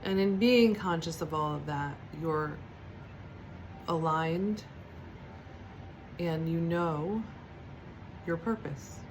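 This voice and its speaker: A woman giving a spiritual teaching, speaking softly and reflectively, with pauses, fillers and restarts. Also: deep voice, slight background noise. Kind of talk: devotional teaching talk.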